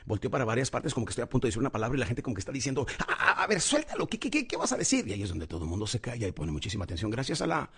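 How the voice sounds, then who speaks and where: A man, a public speaking coach who gives a motivational lesson and swings between a loud voice and a soft one. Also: fairly low pitch, slightly rough. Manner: dramatic swings between loud and soft, addresses listener as champion.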